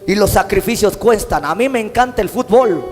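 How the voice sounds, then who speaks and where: A Mexican man preaching a sermon as pastor, impassioned, his phrases swelling into sung, drawn-out lines. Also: high-pitched, animated. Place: church hall. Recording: long church-hall reverb with faint instrumental music.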